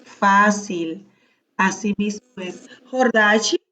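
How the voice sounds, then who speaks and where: A woman's voice: a little high, takes it slowly. A woman teaching a class over a video call, patiently asking questions and calling on students by name. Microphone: computer mic on a video call.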